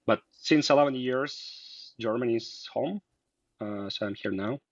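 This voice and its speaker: A man's voice: mid-range voice, measured pace, no room sound. Hesitant man, dull sound. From Russia. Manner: hesitant, many uh fillers and restarts. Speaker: guest. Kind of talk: casual interview chat.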